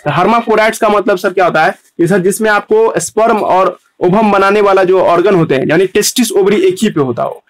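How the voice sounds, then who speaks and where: A man teaching a biology class online. He repeats key terms and keeps checking in with "है ना". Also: high-pitched. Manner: repetitive, tags lines with "है ना"; pauses to fix board writing.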